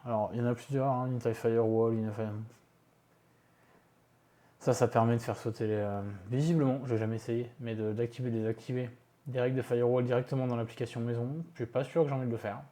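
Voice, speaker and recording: A man's voice: mid-range voice, dark tone. A man talking through a casual screen-recorded tech tutorial from his home office, chatty and self-mocking, with many fillers and asides. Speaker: tech video creator.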